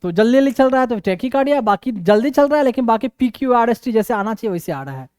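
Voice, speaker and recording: A man's voice: very high voice, expressive, fast talker, a little mellow, smooth, dry recording, clean studio sound. A man lecturing on medicine, repeating his points for emphasis and often checking that students follow. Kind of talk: classroom explanation.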